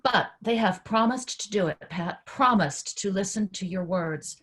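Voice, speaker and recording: A woman's voice: medium pitch, lively intonation, measured pace, fairly bright tone, slightly rough, soft background music. A woman reading the part of a devoted sister, speaking earnestly and with emotion in a staged play reading. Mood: tender. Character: caring adult sister, anxious and tender.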